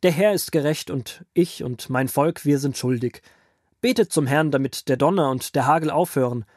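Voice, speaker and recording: A man voicing an angry, proud Egyptian king who gives loud orders and shouts threats in a children's Bible audio drama. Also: on the high side, moderate pace, dry recording, clean studio sound, natural voice. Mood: pleading.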